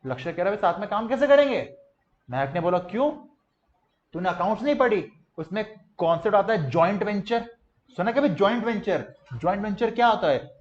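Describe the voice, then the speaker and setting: A young man teaches a class with high-pitched energy, drilling students with call-and-response and gestures. He keeps the mood playful while teaching the material. The recording sounds slightly dull and muffled. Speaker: commerce teacher. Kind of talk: classroom lecture.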